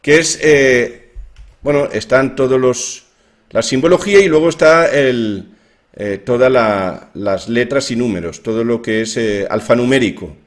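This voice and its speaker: A man's voice: medium pitch, measured pace. A man explaining his own theory of language in an informal lecture, with many fillers and restarts.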